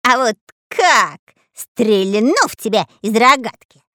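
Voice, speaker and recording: A woman voicing an excitable, cheeky little male spy who shouts in a shrill, brash way. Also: takes it slowly, dry recording, clean studio sound.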